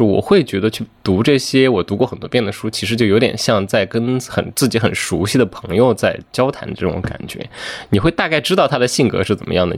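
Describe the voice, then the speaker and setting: A male podcast co-host who teaches literature talks through his ideas at a brisk clip. His voice sits on the low side. He explains things in a reflective, discursive casual chat. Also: gravelly, no room sound.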